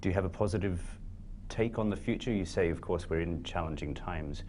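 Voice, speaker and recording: Low-voiced male radio DJ. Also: a little fast. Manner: relaxed, friendly, laughs easily. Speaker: radio DJ, interviewer. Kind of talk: radio interview. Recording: faint background noise.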